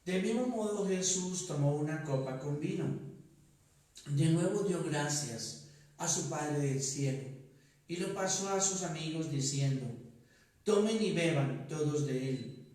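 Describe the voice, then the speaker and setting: A priest chanting and reciting the liturgy in a large church, his fairly high voice rolling through a long cathedral echo. He sounds set back from the microphone, and the slow, deliberate pace lets each phrase hang in the reverb. The delivery moves between sung lines and spoken prayer. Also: lively intonation, darkish tone. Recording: echoey church, voice from far off the mic.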